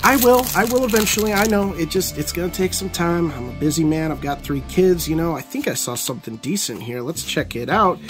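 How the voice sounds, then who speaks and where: Male card vlogger, lively pitch, excitable casual commentary over background music. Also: brisk, few pauses. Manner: excitable, swings from glum to elated. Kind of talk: casual commentary while opening packs.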